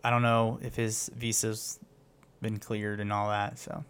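A man's voice: on the low side, flat delivery, measured pace, a bit bright, smooth. A man co-hosting a casual sports podcast, easygoing and conversational, often correcting small details. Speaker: podcast co-host.

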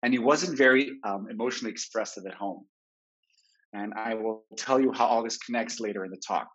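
A man in his forties from Israel, a therapist giving a webinar talk, telling his own story in a candid, reflective way, heard through low quality webinar stream audio. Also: fairly quick, fairly bright tone. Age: 40s. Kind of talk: personal storytelling lecture. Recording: dull lo-fi webinar recording.

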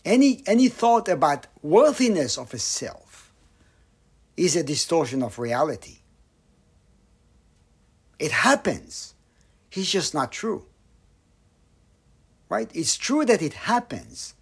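A man giving a Buddhist dharma talk, slow and reflective, with pauses and some phrases dropped almost to a whisper. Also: on the high side, sing-song, breathy edge. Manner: slow, pausing, with soft near-whispered phrases. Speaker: meditation teacher.

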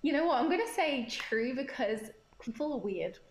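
A woman's voice: high-pitched, normal speed. Giggly woman in an echoey room. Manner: giggly, excitable. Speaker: podcast co-host. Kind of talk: casual chat.

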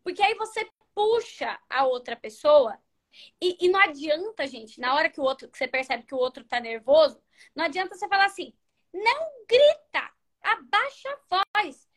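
A Brazilian woman in her thirties talks to her live-stream viewers about relationships in a high, bright voice. She is animated and chatty, acting out little dialogues and sometimes sinking to a near-whisper for emphasis. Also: brisk. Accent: Brazilian Portuguese. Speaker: live-stream host giving relationship advice. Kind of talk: casual advice talk to viewers.

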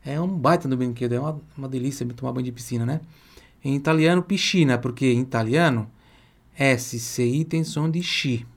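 A Brazilian man with a Brazilian Portuguese accent leads an online Italian pronunciation lesson. He stretches out example words slowly and has the viewer repeat them aloud, then turns chatty and talks straight to the viewer. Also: mid-range voice. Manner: chatty, addresses viewer directly. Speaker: Italian teacher.

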